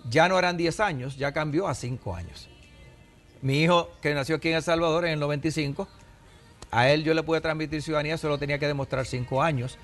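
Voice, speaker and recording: A man's voice: on the high side, quick pace, soft background music. A Puerto Rican man in his sixties, an immigration adviser on a TV interview, explaining patiently with examples. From Puerto Rico.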